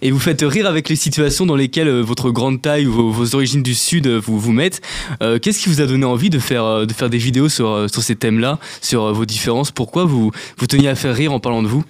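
A man's voice: mid-range voice, fast talker, dry recording. A man interviewing on radio, asking prepared questions in a hesitant way.

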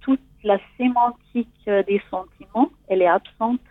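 Over a phone-quality line with no room sound, a woman from Italy in her 40s speaks at a moderate pace in a medium pitch. Looking for coaching, she opens up about something personal, hesitating and groping for words in her Italian-accented, conversational speech.

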